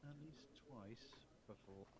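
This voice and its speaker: A man's voice: fairly low pitch, slow, background noise. A man playing a tabletop game, thinking aloud and hesitating over his moves. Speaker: player. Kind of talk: casual tabletop game play.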